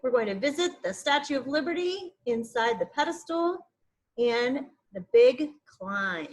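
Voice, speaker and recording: A woman teacher with a high, unhurried voice reads an informational book to young children, expressive and explanatory, adding asides for her pupils. The recording itself is rough.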